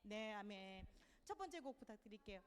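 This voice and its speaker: A woman from Busan with a Gyeongsang accent, a church teacher talking gently and chattily to children. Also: mid-range voice, sing-song, normal speed, big-room sound, soft background music. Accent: Busan Gyeongsang Korean. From Busan, South Korea. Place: church hall.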